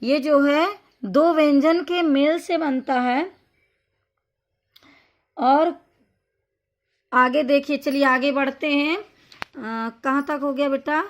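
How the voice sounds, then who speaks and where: A woman's voice: sits high, fairly even intonation, takes it slowly, pauses often, lo-fi sound. A woman teacher giving a Hindi grammar lesson, patiently repeating each point and addressing the listener as a child.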